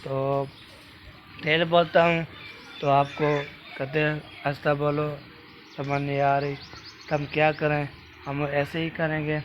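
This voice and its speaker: Pakistani village vlogger, rambling quick talker, a bit high for a man, noisy outdoor recording. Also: level tone, dull audio. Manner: fast, rambling, says he talks fast. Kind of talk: casual vlog narration. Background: birds and outdoor ambience.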